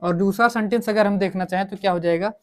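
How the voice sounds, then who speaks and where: Teaching English grammar in Hindi with English examples, a man speaks fast in a high, steady voice. His coaching style is repetitive, and he keeps asking questions only to answer them himself.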